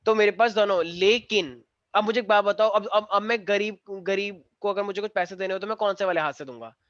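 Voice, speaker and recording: A man's voice: sits high, brisk, fairly bright tone, no echo. A man teaching chemistry to a class in a playful, teasing way, mixing English terms into his explanations. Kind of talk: classroom lecture. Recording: dull, slightly lo-fi dry sound.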